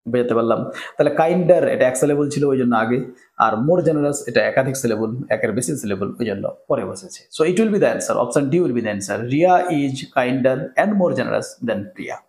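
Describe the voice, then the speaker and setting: A man teaching English grammar for exam preparation, explaining each option step by step, often checking in with "right?", and reading example sentences slowly. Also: medium pitch, animated, a little mellow, echoey room. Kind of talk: exam-prep grammar lesson.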